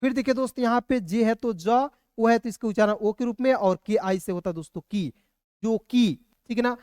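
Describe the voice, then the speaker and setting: A man's voice: very high voice, normal speed, darkish tone, dry recording, clean studio sound. A man teaching an online spelling lesson, sounding out words letter by letter and checking in with "okay?" again and again. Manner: spells letter by letter, repeats "ठीक है ना".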